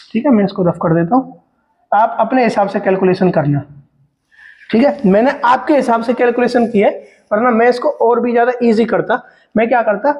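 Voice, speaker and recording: A man with a high voice leads a maths lesson, talking his way through each calculation. He fires questions at his students and answers them himself, calling them "beta" as he goes. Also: a little mellow, low-quality recording. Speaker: maths teacher. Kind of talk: explaining step-by-step calculations on a board.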